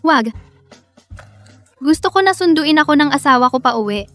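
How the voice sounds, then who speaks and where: A woman's voice: sits high, animated, normal speed, fairly bright tone, soft background music. A woman playing a tipsy, lovestruck, clingy young woman in a dubbed drama. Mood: drunken, clingy.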